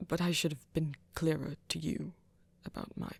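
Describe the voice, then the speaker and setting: In an ASMR romance roleplay, a performer voices a flirty, earnest, soft-spoken vampire confessing love. The husky, often half-whispered voice is mid-range with fairly even intonation, and the delivery is halting, breathy, intimate, tender and reassuring, with no room sound.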